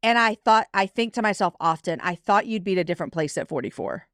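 A woman's voice: mid-range voice, a bit bright, no room sound. Candid woman in her forties, dry sound. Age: 40s. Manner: candid, emotional, quick self-talk asides. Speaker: guest author. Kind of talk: casual interview chat.

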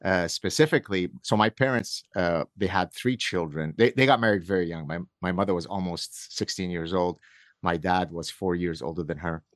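Middle-aged male guest from Lebanon, low voice, wry storyteller, dry close mic. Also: normal speed, dry recording. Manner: earnest, wry storyteller with frequent restarts. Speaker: author and guest. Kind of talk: conversational storytelling.

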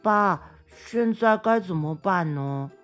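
A woman's voice: on the low side, lively intonation, slow, soft background music, pitched above the performer's own voice. A woman voicing a meek young son asking his father what to do.

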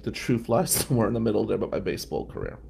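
Gravelly, rambling storyteller man. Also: fairly low pitch, animated, very fast, darkish tone, a little hiss or hum. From New Jersey. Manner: rambling, goes off on tangents. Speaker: host. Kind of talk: casual storytelling on a live stream.

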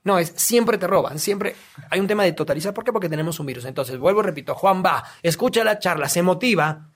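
A man's voice: high voice, expressive, quick pace. A man, a guest in a casual podcast, explaining emphatically and asking himself questions he then answers.

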